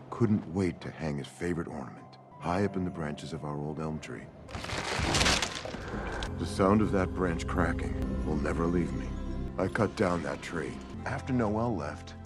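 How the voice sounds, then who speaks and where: An actor playing a remorseful older father who lives alone, speaking slowly and quietly with regret over a film score. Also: sits low. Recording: film audio with music score.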